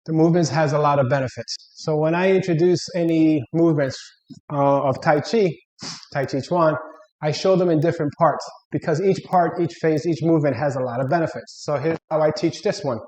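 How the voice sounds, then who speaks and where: Echoey, higher-voiced male exercise coach. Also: a little fast, darkish tone. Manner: plain-spoken step-by-step cueing. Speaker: fitness coach, instructor. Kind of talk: instructional exercise demonstration. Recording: echoey room.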